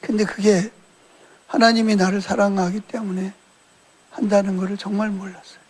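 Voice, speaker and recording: A man's voice: high-pitched, little pitch movement, normal speed, darkish tone, husky. A male pastor preaching a sermon in a colloquial storytelling way, acting out quoted dialogue as he retells events.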